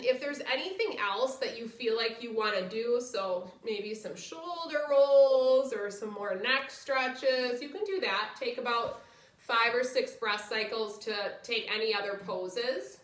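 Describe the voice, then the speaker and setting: A female yoga instructor leads a chair class with short, step-by-step cues, her fairly high voice unhurried. The microphone is distant and the room echoes.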